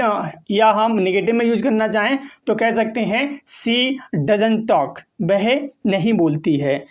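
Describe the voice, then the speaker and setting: A man teaching English vocabulary, explaining slowly and patiently, repeating and spelling out each word. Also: sits high. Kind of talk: vocabulary lesson.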